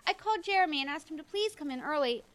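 A woman's voice: sits high, lively intonation, fast talker. An actress playing an anxious, defensive woman who owns a shop, in an audio drama.

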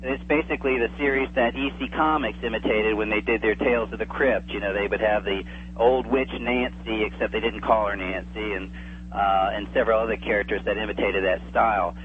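Calling in by telephone as an expert guest on a casual radio interview, a man chats with enthusiasm. His voice is on the low side, fairly quick, with fairly even intonation, and the phone line sounds tinny, with hum and hiss.

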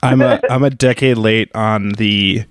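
Man, thirties, podcast host, low-pitched, dry sound, talks fast, restarts a lot. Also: steady tone, no echo. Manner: quick, rambling, self-correcting. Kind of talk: casual interview chat.

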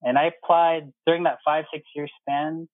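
A man's fairly high voice, with little pitch movement and a moderate pace, comes through a muffled, phone-like line without echo. He's a thirtysomething air traffic controller guesting on an interview, casually telling his story and quoting conversations.

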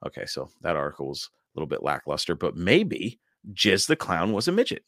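A man's voice: deep voice, huge pitch swings, brisk, a bit bright, no echo, clean studio sound. A male podcast host who reads his own written account aloud and then chats casually, wry and sarcastic, laughing often.

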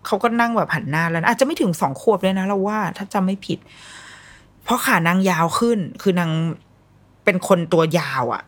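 A mother sharing parenting advice speaks at medium pitch and a little fast. She tells her stories casually, bluntly and colloquially, acting out the voices of the people in them.

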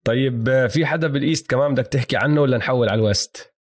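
Male podcast co-host, Levantine Arabic accent, mid-pitched, rapid conversational delivery with English sports jargon. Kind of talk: casual basketball chat.

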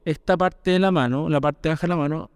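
A Chilean man recalls a story in relaxed slang, circling back and restarting as he goes. His voice is clear and resonant, recorded close in a dry space. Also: a little high, brisk, no room sound. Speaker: podcast co-host. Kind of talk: casual storytelling chat.

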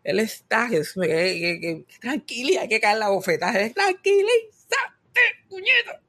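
Animated Puerto Rican man, slightly high voice. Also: moderate pace. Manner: animated comic storytelling, mixing in English words. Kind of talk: casual chat.

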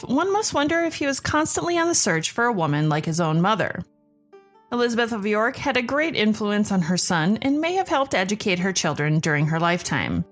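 A woman hosting a podcast, reading scripted narration. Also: mid-range voice. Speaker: podcast host.

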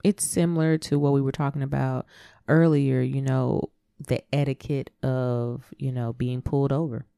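A woman's voice: a bass voice, steady tone, moderate pace, gravelly, dark tone, smooth, no room sound, studio quality. A woman from Texas co-hosting a psychology podcast, chatting casually and often affirming the other host. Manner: affirming, frequent mm-hmms.

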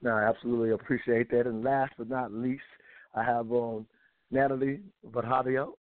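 A man's voice: medium pitch, flat delivery, moderate pace, no room sound. A man hosting a call-in talk show, introducing guests and rambling through restarted phrases. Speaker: show host. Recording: tinny phone line.

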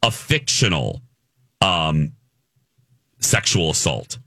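With a husky voice, this male co-host of a casual morning radio show takes it slowly yet stays animated, swooping high when he's emphatic. The recording has no echo.

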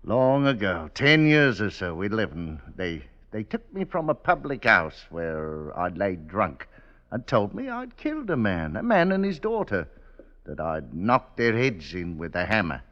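A brooding condemned man, lowish voice, muffled vintage recording. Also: sing-song, unhurried. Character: doomed male prisoner, rough and fatalistic. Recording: dull old radio recording.

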